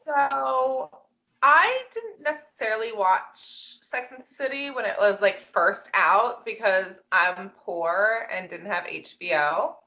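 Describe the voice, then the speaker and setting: A woman co-hosting a casual review chat in an exclamatory, halting way with mimicking asides, on a slightly dull recording. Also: mid-range voice, expressive, pushed and bright. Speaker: podcast co-host.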